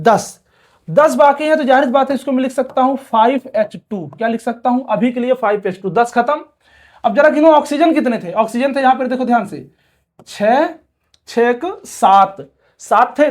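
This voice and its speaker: A man's voice: very high voice, a little mellow. A male chemistry teacher giving an exam-prep lecture who asks questions aloud, answers them himself, repeats key terms and keeps urging students to pay attention. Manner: repeats key terms several times over.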